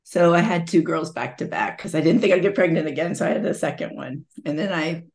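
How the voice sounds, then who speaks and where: A woman in her forties with a slightly low voice tells her own hard story in a candid, confessional way. She brings it alive by acting out the voices of the people she quotes. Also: fairly quick. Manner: emotional, confessional, animated quotes. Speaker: guest sharing her story.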